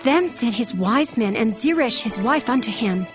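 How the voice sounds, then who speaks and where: A woman's voice: fairly high pitch, lively intonation, moderate pace. Woman narrating scripture over music.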